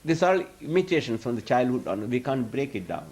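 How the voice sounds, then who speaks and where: A man's voice: mid-range voice, sing-song, a little fast, a little mellow, breathy edge. A man who is a spiritual teacher, answering audience questions in an informal lecture. He rambles, restarts his sentences often and chuckles as he talks. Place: live talk before an audience.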